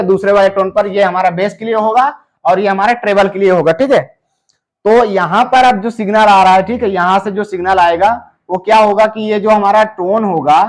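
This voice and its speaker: A man walks through a circuit repair lesson in a fairly high voice. He talks in a patient, step-by-step tutorial manner, filling pauses with short check-ins to the viewer. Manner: explains slowly, filling gaps with "theek hai" and "doston". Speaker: electronics repair teacher.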